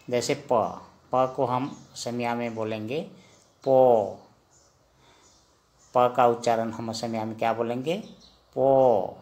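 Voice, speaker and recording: Slow, drilling male language teacher. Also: mid-range voice, a little mellow. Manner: slow and deliberate, repeats each sound and drills it with questions. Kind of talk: slow spoken alphabet lesson.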